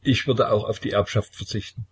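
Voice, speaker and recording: A man's voice: lowish voice, fairly even intonation, fairly quick, husky. Man reading an anguished young tsarevich. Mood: despairing. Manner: mournful, sighing lament.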